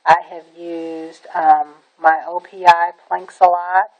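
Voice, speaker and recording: A woman's voice: fairly low pitch, little pitch movement, slow pace, dull audio. A woman giving a casual nail art tutorial, talking in a chatty, enthusiastic way with frequent "um"s as she works. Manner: chatty and enthusiastic, with many "um"s and repeated "really, really". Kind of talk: casual how-to demonstration.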